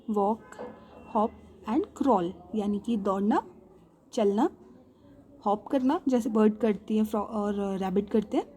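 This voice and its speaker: A woman with an Indian English accent teaching a children's English lesson, patiently asking and answering her own questions and repeating words slowly. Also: mid-range voice, warm tone. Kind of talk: explaining a primary English lesson.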